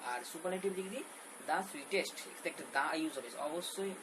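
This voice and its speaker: A man's voice: a little high, fairly quick. A male teacher giving a grammar lesson, repeating key terms and walking through examples step by step. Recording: noisy background hiss.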